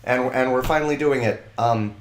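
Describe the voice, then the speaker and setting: A man co-hosting a podcast, talking in an excitable, animated way with many restarts. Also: mid-range voice, moderate pace, roomy sound, a little hiss or hum. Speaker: podcast co-host. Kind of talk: casual chat.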